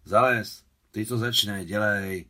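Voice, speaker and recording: A man reading out a gruff but caring aging war veteran who talks in short, terse lines. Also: medium pitch, expressive, fairly bright tone.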